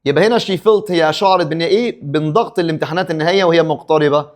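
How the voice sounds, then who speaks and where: Fast-talking Egyptian male teacher. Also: on the high side. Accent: Egyptian Arabic. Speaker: English teacher. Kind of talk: exam review lesson.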